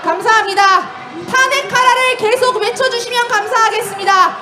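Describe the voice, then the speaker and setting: Very high-voiced woman leading protest chants. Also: moderate pace. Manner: shouts slogans, urges the crowd to answer. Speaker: rally chant leader. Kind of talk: street protest call-and-response chanting. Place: outdoor street march. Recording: loud outdoor crowd and street noise.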